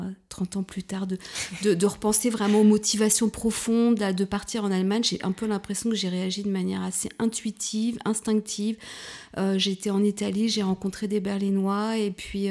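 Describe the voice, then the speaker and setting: A woman in her fifties from France, speaking as an interview guest in a hesitant way, with many fillers, restarts and soft, half-whispered stretches. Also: medium pitch. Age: 50s. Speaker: guest, couples therapist. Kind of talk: casual interview talk.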